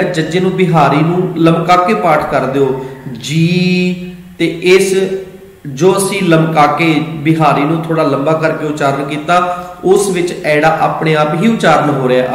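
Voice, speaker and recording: A man teaching scripture meanings and pronunciation, patient and repetitive, chanting verse lines slowly. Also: on the high side. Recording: very echoey hall.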